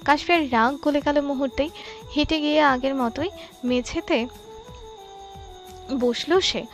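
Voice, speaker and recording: High pitched lady telling a love story, calm and even. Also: unhurried, faint music behind. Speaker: story narrator. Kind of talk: scripted narration.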